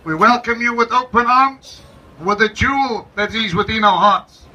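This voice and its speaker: A man, an interim leader, giving a slow, emphatic ceremonial welcome speech to a gathering and repeating his key phrases. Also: high-pitched, bright, forceful tone, dull audio. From South Africa.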